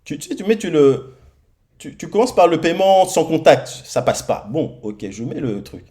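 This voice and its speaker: A man preaching in church, telling his own testimony in a lively storytelling manner and acting out the dialogue. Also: fairly high pitch, moderate pace. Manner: lively storytelling, acts out dialogue, many repeated starts. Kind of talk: sermon testimony. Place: church hall.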